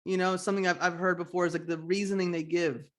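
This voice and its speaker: An American podcast host in his forties rambles candidly through an interview, full of fillers and restarts. His voice sits high and fairly bright, delivered flatly and fast.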